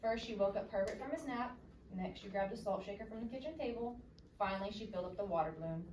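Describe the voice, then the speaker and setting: Heard from afar in a noisy room full of echo, a woman with a mid-range voice talks fast as she reads a children's story. Her delivery is expressive and interactive, full of teacher-style questions.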